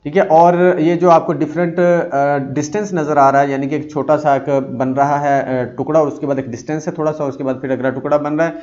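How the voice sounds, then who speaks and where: A man teaching a psychology lesson, reading English lines slowly and then explaining them with many fillers. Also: a little high, fairly even intonation, darkish tone. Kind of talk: explaining a lecture. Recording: dull lo-fi audio.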